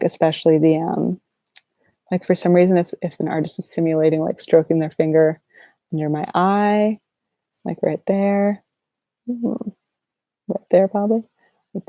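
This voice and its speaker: A sleep-deprived woman chatting softly and casually as an ASMR livestream host, in a halting, low-energy, rambling way. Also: vocal fry, dry recording, poor audio. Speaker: ASMR artist hosting a livestream Q&A.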